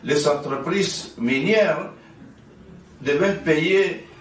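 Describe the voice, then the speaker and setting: Slow elderly man, Chilean Spanish-accented French. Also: a little high. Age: 70s. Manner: halting, searching for words. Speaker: speaker, NGO president. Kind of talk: commemorative political speech. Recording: distant mic, roomy echo, faint noise.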